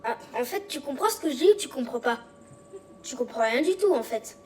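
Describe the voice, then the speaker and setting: A woman's voice: high voice, expressive, fairly quick, a little hiss or hum. A woman actor on stage playing a strict parent who scolds a child with bossy, sarcastic commands. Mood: exasperated. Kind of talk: stage acting. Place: theatre stage.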